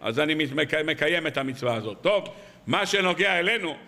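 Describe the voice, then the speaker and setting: Rabbi, male, high bright voice, anecdote-driven weekly sermon with rhetorical questions, long hall reverb. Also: lively intonation, vocal fry. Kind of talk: storytelling sermon on the weekly Torah portion. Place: evening lecture hall.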